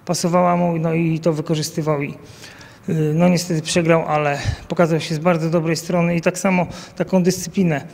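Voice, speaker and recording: Standing outdoors by an event banner, a national team coach in his thirties responds to interview questions through a handheld mic the interviewer holds. He has a fairly high, creaky voice with a darkish tone and a level delivery, talking a little fast. A long reverb tail follows, and he relies on many fillers and restarts.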